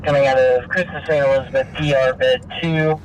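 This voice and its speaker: Guy doing a clipped ambulance radio report over a scanner, sounds distant, loud car noise behind. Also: medium pitch, fairly even intonation, a little fast. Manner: procedural, matter-of-fact. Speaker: emergency medical dispatcher. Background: car and outdoor noise.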